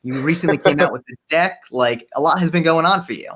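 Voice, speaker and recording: A man's voice: a little high, fairly bright tone. Upbeat man hosting a stream chat. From New Jersey. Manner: upbeat, friendly, quick to laugh. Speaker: host. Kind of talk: casual live-stream chat.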